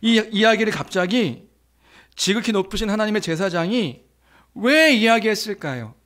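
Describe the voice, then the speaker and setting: A man's voice: high voice, lively intonation, moderate pace, a bit bright. A man preaching a sermon as pastor, asking the congregation questions and acting out quoted blessings with rising force.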